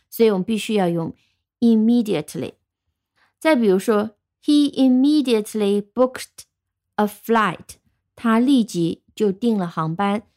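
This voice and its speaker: A woman's voice: mid-range voice, darkish tone. Patient woman teaching English vocabulary. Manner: patient, spells words letter by letter. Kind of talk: vocabulary lesson.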